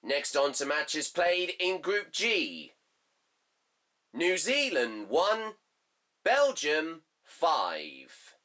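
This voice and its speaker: A man with a slightly hoarse voice hosts a fan-run football show, reading results and previewing an upcoming match. He halts often, fills gaps with fillers, and reads from his notes. His voice sits on the high side, bright and pushed.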